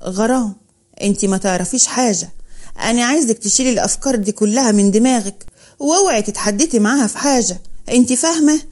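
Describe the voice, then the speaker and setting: A woman's voice: a little high, normal speed, natural voice. A woman voicing a firm but tender Upper Egyptian husband with an Upper Egyptian accent. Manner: firm then gentle, teasing.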